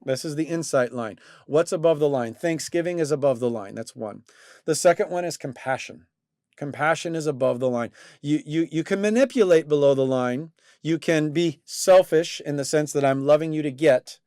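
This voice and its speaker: A man with a slightly raised voice leads the conversation as host and coach. He talks in a reflective, halting way full of fillers and restarts. The sound is dry and close. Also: a little high, a little mellow, no room sound. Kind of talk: conversational teaching talk.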